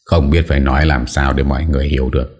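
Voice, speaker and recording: Man, audiobook narrator, very deep voice, dark tone, steady storytelling. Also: racing, slightly rough.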